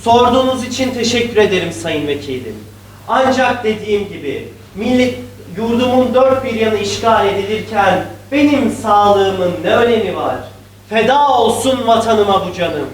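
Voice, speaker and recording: Solemn ailing poet, played by a man, high voice, distant in an echoing hall. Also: animated, normal speed, a little hiss or hum. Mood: earnest. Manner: declamatory, solemn recitation. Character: ailing devoted old male poet, solemn. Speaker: poet in a stage play. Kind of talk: theatrical stage acting. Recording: echoey hall, distant mic.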